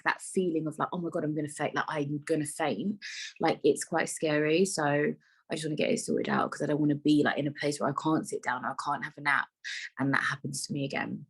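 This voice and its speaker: Chatty young woman, low and husky. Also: low-quality recording. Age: 20s. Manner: chatty, rambling, full of "like" and asides to listeners. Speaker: podcast host. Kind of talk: casual solo podcast chat.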